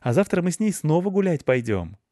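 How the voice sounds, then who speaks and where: An excited young boy pleads with his parents, as a male storyteller puts him on. The voice jumps far above the reader's own. The reading is dry and close. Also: on the high side, fairly quick, no echo, pitched above the performer's own voice. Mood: pleading, excited. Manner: excited, begging.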